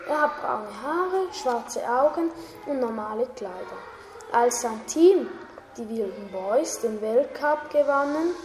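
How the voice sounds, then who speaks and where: A woman with a high voice reads a story aloud, slow and halting. The echo of a large hall hangs around her words, over a faint hum of noise. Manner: slow, halting reading with restarts. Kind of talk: reading a self-written story aloud.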